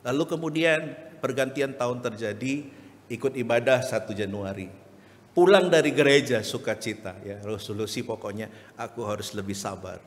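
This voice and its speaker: A man's voice: mid-range voice, expressive, normal speed. A male evangelist preaching a sermon, telling funny stories and asking the congregation questions. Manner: humorous storytelling, asks the congregation questions. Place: church hall. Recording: long church reverb.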